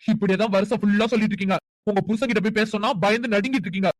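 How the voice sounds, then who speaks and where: A performer voicing a hot-tempered, possessive young man in a cartoon who shouts and demands. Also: mid-range voice, fairly even intonation, racing, no echo, close to an everyday voice, low-quality recording. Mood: angry. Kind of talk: cartoon voice acting.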